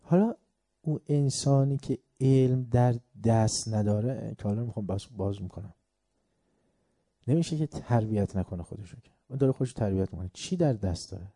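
A man lecturing on faith and upbringing in a deep, very dark and mellow voice, recorded close and dry. He hammers home lists of words, throws out rhetorical questions and slips into acted voices for his anecdotes. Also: no room sound. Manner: emphatic, repeats word lists, asks rhetorical questions; tells folk anecdotes, acting out the characters.

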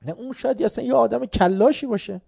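Animated male lecturer telling stories. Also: extremely high pitch, creaky, slightly rough, no room sound, studio quality. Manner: storytelling, acts out dialogue, grows emphatic. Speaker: religious lecturer. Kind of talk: lecture with anecdotes.

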